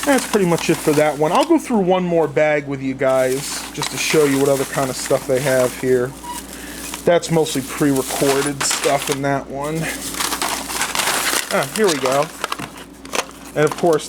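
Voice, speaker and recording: This vlogger's voice sits fairly high and his pace is unhurried. Chatting off the cuff in everyday language, he walks viewers through vintage cassette tapes he picked up, musing aloud from inside his home while background noise carries on.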